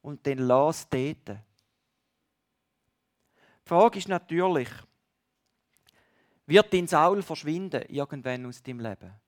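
Guy preaching, bit high voice, chatty but emphatic, loud then quiet. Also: animated, slow, pauses often. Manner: emphatic, swings between loud stresses and hushed lines; speaks directly to listeners, conversational. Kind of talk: sermon.

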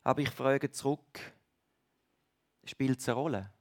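A man preaching a sermon, speaking directly to his listeners and moving between loud stresses and hushed lines. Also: mid-range voice, measured pace.

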